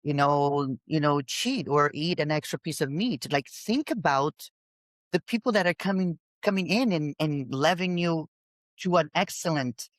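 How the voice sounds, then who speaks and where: A woman's voice: low voice, expressive, measured pace, no room sound. A woman hosting a casual podcast conversation, talking emphatically and restarting her sentences as she goes. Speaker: podcast host and bodybuilding coach.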